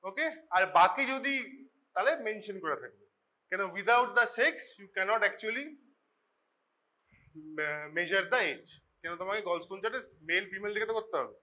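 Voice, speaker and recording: A man's voice: high-pitched, lively intonation, measured pace, bright, forceful tone. A man lecturing medical students in a classroom, speaking with a Bengali accent in a chatty, scolding way, often slipping into English. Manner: chatty, scolding, switches into English mid-sentence. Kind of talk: informal classroom teaching. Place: college classroom.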